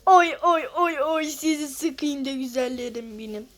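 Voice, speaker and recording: A woman's voice: high-pitched, steady tone, a little slow. A woman voicing a fussing, doting old grandmother who croons "oy oy" over her grandchildren. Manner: crooning "oy oy", smothering with affection.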